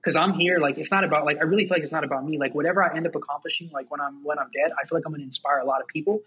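A man with a very husky, raspy voice fires off motivational advice at a rapid clip, a little high for a man. He is energetic and fills his talk with "like". His voice comes through with a dull, lo-fi sound. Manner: energetic, fast, heavy use of "like". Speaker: podcast guest, entrepreneur. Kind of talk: casual motivational chat.

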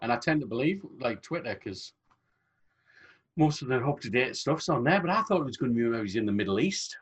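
Husky man, lively joking delivery. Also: medium pitch, a little fast. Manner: joking, rambling, laughs often. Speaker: podcast co-host. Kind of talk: casual chat.

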